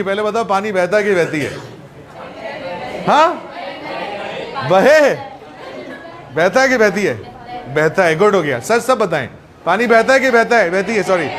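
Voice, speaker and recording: High-voiced man quizzing his class. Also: fairly bright tone. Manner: playful, quizzing the class with rapid questions. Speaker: English teacher. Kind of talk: classroom lesson.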